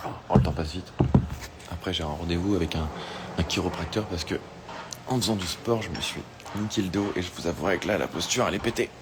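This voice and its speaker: A man's voice: low-pitched, brisk, heavy background noise. A man chatting casually on a phone livestream, answering fan questions with lots of fillers and restarts. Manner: chatty, laid-back, with many fillers and restarts. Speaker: singer doing an Instagram live. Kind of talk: casual live-stream chat reading fan questions. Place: outdoors or open space in Tahiti.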